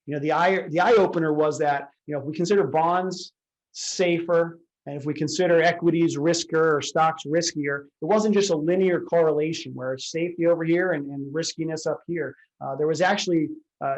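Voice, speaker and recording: A man's voice: on the high side, rough recording. A man working as a retirement advisor, explaining a lecture slide by slide in a conversational way, full of fillers and rhetorical questions.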